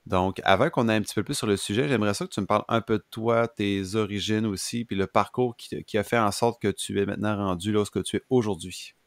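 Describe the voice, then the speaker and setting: Podcast host, Québécois man, low-pitched, halting and repetitive, dry close recording. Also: dry recording. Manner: halting, repeats words while forming questions. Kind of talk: casual interview chat.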